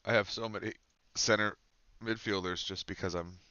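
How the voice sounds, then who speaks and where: His lowish, cold-stuffed voice moves at a moderate pace, and the audio is dull with no echo. The Canadian man chats casually over a football management game, thinking aloud and then bursting into sudden excited reactions.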